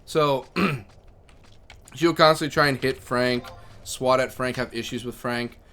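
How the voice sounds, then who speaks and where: A man's voice: medium pitch, slow, a bit bright. A man streaming a game, chatting casually and telling stories about his pets between game moves. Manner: chatty, storytelling, reads chat aloud. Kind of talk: casual livestream chat.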